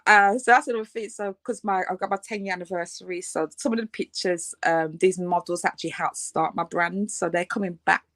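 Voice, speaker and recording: A woman in her late thirties from the United Kingdom talks casually about her designs in an interview. Her voice sits low, with a dry, close sound. She rambles a little, with fillers and easy laughter. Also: steady tone, brisk, hardly any pauses, a bit bright, no room sound. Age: 30s. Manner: chatty, lots of fillers, laughs often. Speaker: fashion designer.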